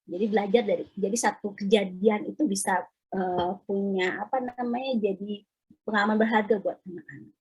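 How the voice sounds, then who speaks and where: Woman, 30s, child psychologist, chatty parenting webinar, breathy tone, video-call mic. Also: medium pitch, fairly even intonation, darkish tone, lo-fi sound. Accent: Indonesian. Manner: chatty, acts out children's voices in quick asides. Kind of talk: informal webinar talk for parents.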